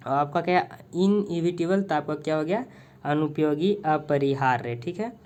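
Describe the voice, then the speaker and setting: A man's voice: a little high, a little mellow. A man with an Indian accent teaching English words through Hindi in a casual lesson, asking and answering his own questions, often stopping to search for a word. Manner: repeats "ठीक है" constantly, asks and answers own questions; pauses to search for words, hesitant fillers. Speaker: vocabulary teacher. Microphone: phone on tripod with mic.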